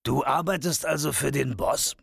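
A man's voice: medium pitch, moderate pace, creaky, fairly bright tone, slightly rough, dry recording, studio quality, pitched above the performer's own voice, exaggerated voice. A man voicing a brash, foul-mouthed, half-drunk bearded leprechaun in an audiobook. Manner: brash, cursing, swaggering. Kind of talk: audiobook character voice.

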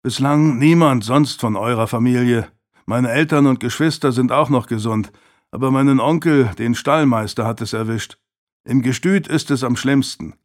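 A man's voice: medium pitch, moderate pace, natural voice. A man reading as a grave young messenger. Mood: matter-of-fact. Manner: grave, matter-of-fact. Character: serious young man bearing bad news. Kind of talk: audiobook character voice.

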